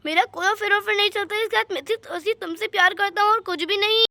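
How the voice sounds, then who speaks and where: A woman's voice: very high-pitched, fairly even intonation, racing, sharp tone, no room sound, exaggerated voice. A woman voicing a flustered husband in a doll story, stammering as he pleads that he is innocent. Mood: pleading.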